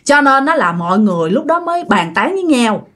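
A woman's voice: sits high, very animated, brisk, a bit bright. Chatty Southern Vietnamese woman telling ghost stories. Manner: chatty, addresses listeners directly. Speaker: storyteller. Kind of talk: casual ghost-story narration.

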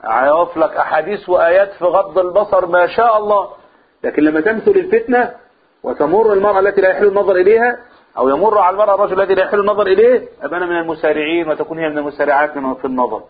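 A man with a high-sitting voice and an Egyptian Arabic accent rattles through a religious lesson for a group, posing questions to the room and answering them himself. He stretches out vowels to show recitation, and the recording is husky and lo-fi, like a phone.

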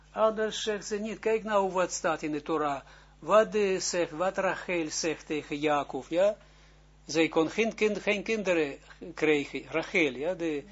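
Husky-voiced rabbi teaching, halting delivery. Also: male voice, on the high side, highs cut off. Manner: halting, searching for words, frequent restarts; keeps asking the listeners whether it is clear. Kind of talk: lecture.

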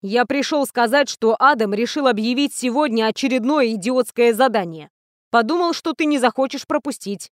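A curt, sardonic young fey man, his lines clipped and dry, as a woman reads him aloud in an audiobook. The reading voice sits high and the recording is close and dry. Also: normal speed, no echo, natural voice. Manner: curt, sarcastic.

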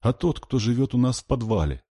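A male reader voicing a frightened little girl who squeaks and sniffles. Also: lively intonation, a little fast, dark tone, no room sound, clean studio sound, lightly acted.

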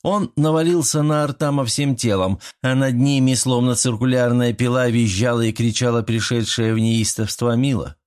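A man narrating an audiobook in a steady, even reading voice. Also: medium pitch, moderate pace, hardly any pauses. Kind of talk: scripted narration.

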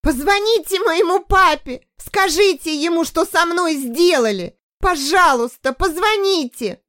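A woman's voice: medium pitch, lively intonation, takes it slowly, darkish tone, no echo, studio quality. A woman reading an audiobook, voicing a terrified young woman held captive who screams and pleads in hysterics. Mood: hysterical screaming. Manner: screaming, sobbing pleas.

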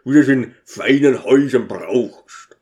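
A man's voice: medium pitch, a little slow, dark tone, close to an everyday voice. Casting: boisterous, self-pleased church deacon, hearty and commanding, read by a male narrator. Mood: self-satisfied. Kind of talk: audiobook character voice.

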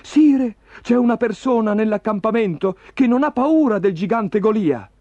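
A man's voice: high voice, expressive, normal speed, dark tone, no room sound, voice pushed up. A man doing an eager royal messenger. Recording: dull lo-fi recording with music.

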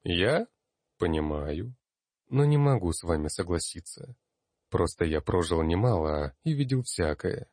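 Man doing older male fire mage, calm, measured, lecturing, deep voice, dry close sound. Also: no echo, heavily acted.

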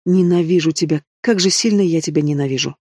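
A man's voice: on the high side, fast, darkish tone, no echo, clean studio sound, natural voice. A man voicing a proud young woman in an audiobook, snarling and defiant. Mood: furious.

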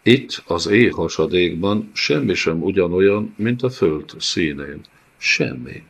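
A man's voice: low-pitched, lively intonation, gravelly, husky, heavily acted. A man voicing a frightened, desperate male rabbi who pleads in a raised, strained voice. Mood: anguished.

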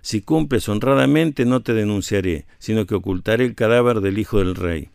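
Man playing a slave, insistent, raised pitch, gravelly voice, dry sound. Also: normal speed, a little mellow, no room sound. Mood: bargaining. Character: desperate pleading young male slave.

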